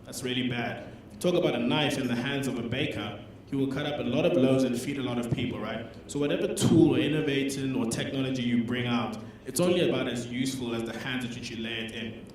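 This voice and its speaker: A man's voice: mid-range voice, steady tone, fast, few pauses. A young man in his twenties, earnestly making his case on a conference panel with rhetorical questions. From South Africa. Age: 20s. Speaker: youth representative panelist. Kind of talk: panel discussion answer. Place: conference hall. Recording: echoey hall mic from far off, some noise.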